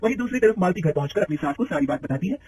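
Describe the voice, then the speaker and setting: A man narrating a cartoon story in a steady, scripted storytelling manner. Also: high-pitched, racing, very noisy.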